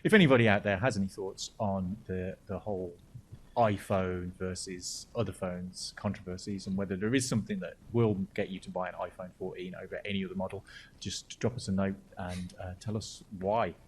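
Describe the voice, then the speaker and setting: A man's voice: low-pitched, fairly even intonation, brisk, slight background noise. A man hosting a casual podcast chat, joking and restarting his sentences often. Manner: jokey, rambling, with repeated restarts. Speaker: podcast host.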